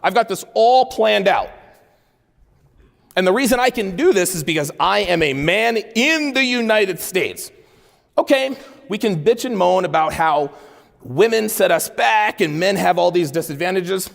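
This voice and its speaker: A man's voice: sits high, lively intonation, unhurried, creaky. A man in his forties giving a blunt, profane motivational keynote speech to a live conference audience, hammering points with repeated phrases. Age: 40s. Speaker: keynote speaker. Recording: speech in a large reverberant hall.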